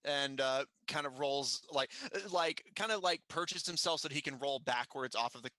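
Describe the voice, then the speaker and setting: A man running a tabletop role-playing game with a bright, crisp voice in a dry, close sound. He improvises his narration haltingly, feeling for words mid-phrase as game master. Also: mid-range voice, dry recording.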